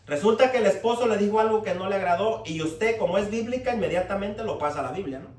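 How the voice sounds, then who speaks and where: A man's voice: high voice, expressive, quick pace, darkish tone. A man preaching a sermon, firing rhetorical questions at the congregation. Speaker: pastor. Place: church hall. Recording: echoey room, mic far off, faint noise.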